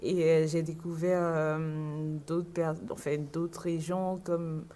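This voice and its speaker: A woman's voice: sits low, little pitch movement, takes it slowly, a loud crowd. A young woman, a language student, answering enthusiastically in a radio interview, laughing as she talks. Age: young adult. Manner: enthusiastic, laughs while talking.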